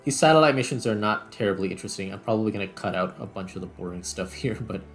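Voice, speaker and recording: Quick-talking and lowish-voiced, this gaming video host gives offhand gameplay commentary, reasoning aloud as he plays while music sounds in the background.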